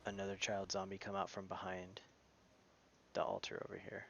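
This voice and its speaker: A man running a tabletop game with a low, gravelly voice, talking casually and restarting phrases as he reads out rules. The sound is dull and lo-fi, with a faint hiss behind him. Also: completely flat delivery, normal speed, a bit bright. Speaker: game master.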